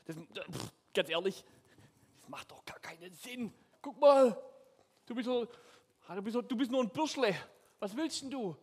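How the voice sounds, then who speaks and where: Ein Mann spielt einen abwinkenden, schwäbisch klingenden König. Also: male voice, extremely high pitch, lively intonation, normal speed, a little mellow, husky, voice pushed up, exaggerated voice. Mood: dismissive. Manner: dismissive, blunt. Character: doubting old king, male, blunt and dismissive. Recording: echoey hall.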